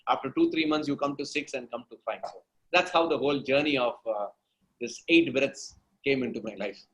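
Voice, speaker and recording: Speaking briskly in a mid-range, slightly bright voice, an Indian-accented man appears as an interview guest and storytelling coach. He teaches with emphasis in a conversational way, repeating phrases and checking that the listener follows. The recording is rough.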